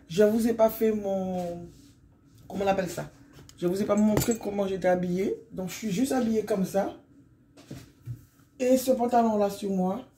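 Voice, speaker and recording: A hoarse, middle-aged woman from Guadeloupe chatting casually in a vlog, rambling and often wrapping up her points. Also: mid-range voice, warm tone, a little hiss or hum. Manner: chatty and rambling, often sums up with "donc voilà". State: hoarse from illness. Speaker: vlogger.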